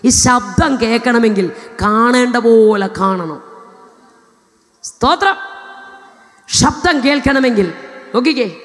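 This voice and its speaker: A woman's voice: fairly high pitch, a little slow. Woman preacher, fervent sermon delivery, exclamations of praise, long reverb of a hall. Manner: fervent, punctuates with praise exclamations, rises to shouting.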